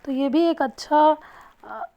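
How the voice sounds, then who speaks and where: A young woman narrating a family vlog as a new mother, coaxing her baby with soft baby talk. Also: sits high, slow, muffled recording.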